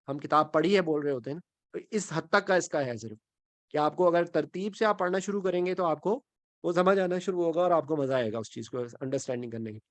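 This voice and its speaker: A Quran and Arabic grammar teacher with a fairly high-pitched male voice leads an online grammar class, walking through each step and checking in with his students. He speaks Urdu with English phrases mixed in, and there's no room sound.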